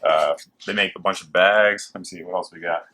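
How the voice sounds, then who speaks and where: A man hosts a gear review video, showcasing products to camera with relaxed enthusiasm from a working factory. He has a low voice, a steady tone with a sharp edge, and a fairly quick pace. The machines behind him clatter and click.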